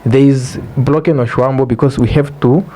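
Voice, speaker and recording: A man's voice: mid-range voice, steady tone, moderate pace, mellow. A man with a Namibian accent speaking as a podcast guest, explaining things earnestly in casual interview talk.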